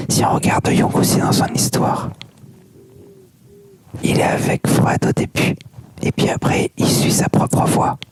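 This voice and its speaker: An ASMR reader whispering softly without voice, like in a library, reading a book aloud with asides. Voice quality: unvoiced soft whisper. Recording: very noisy whisper recording with mouth clicks.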